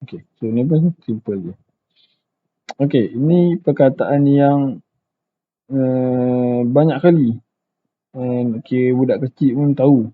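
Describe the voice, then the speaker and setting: Slow-talking Malaysian man on a tinny mic. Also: mid-range voice, a little hiss or hum. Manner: repeats words slowly and carefully, many fillers like okey. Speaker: Japanese language teacher. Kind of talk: casual online language lesson. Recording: tinny phone-like lo-fi sound.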